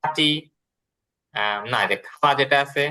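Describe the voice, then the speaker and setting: Bright-voiced teacher explaining patiently. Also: male voice, mid-range voice, unhurried, smooth. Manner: explains patiently, repeating words and translations. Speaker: English teacher. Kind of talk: classroom lesson.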